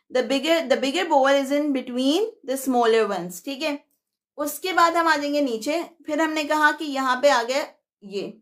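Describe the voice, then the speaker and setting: A young woman from Pakistan teaches a live online lesson. Her voice is high and she speaks unhurriedly. She explains step by step and moves between Hindi-Urdu and English. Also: fairly bright tone.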